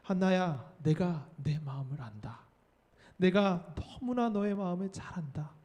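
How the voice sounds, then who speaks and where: A man voicing God, who speaks softly and tenderly in a sermon's retold story. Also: high-pitched, animated, measured pace, muffled recording.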